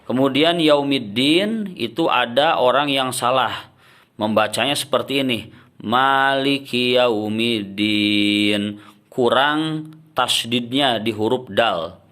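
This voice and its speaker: Slow-spoken man teaching Quran recitation. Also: medium pitch. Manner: explains common mistakes, then chants verses slowly and drawn out; ends points with soft drops "ya", "nah".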